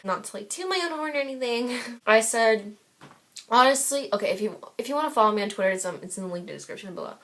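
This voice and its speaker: A woman's voice: a little high, animated, quick pace, a bit bright. A teenage girl telling a storytime vlog in a rambling, gushing way, with lots of fillers and restarts, recorded on a tablet. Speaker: vlogger. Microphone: tablet camera.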